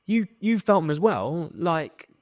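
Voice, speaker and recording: A young man telling a workplace story as a podcast guest, animated and swearing freely as he acts out what people said. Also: a little high, a little slow, dry recording, studio quality. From England. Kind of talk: casual storytelling.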